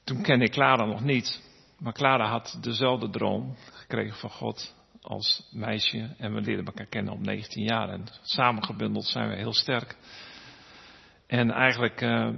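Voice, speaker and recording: A low, gravelly man delivers an earnest sermon in a flat, even tone, often stumbling over fillers and restarts. His voice carries a long hall reverb, and the recording sounds dull. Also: normal speed. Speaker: preacher.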